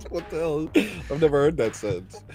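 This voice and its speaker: A man's voice: fairly high pitch, lively intonation, fairly quick, mellow, faint music behind. Sarcastic, mock-indignant male co-host. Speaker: podcast co-host. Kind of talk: casual banter.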